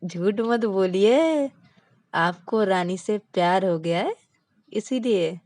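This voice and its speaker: A woman's voice: on the high side, dry recording, voice pushed up. A woman voicing a teasing, caring young man in a told story, drawing out his words. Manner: drawn-out, teasing.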